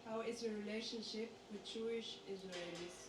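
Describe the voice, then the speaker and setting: A woman reads interview questions aloud, plainly and briefly. The mic is distant and the room is echoey. Clear background noise runs under her voice. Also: fairly high pitch, fairly even intonation, normal speed.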